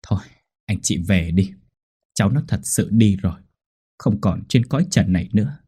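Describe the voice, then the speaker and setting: A man voicing a calm, gentle old fortune-teller who speaks in a measured way. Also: lowish voice, slightly rough. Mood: solemn.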